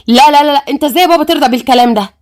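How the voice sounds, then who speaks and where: A fussy, sharp-tongued young daughter, put on by a woman narrator, with an Egyptian accent. She talks in a high, shrill, indignant voice at a fast clip, lecturing everyone around her in this audio story. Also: natural voice.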